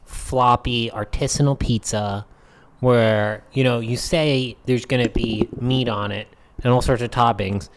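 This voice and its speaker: A man's voice: medium pitch, fairly even intonation, measured pace, background noise. A man in his thirties with a standard American accent, co-hosting a podcast in casual banter and telling stories animatedly. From United States. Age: 30s. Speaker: podcast co-host.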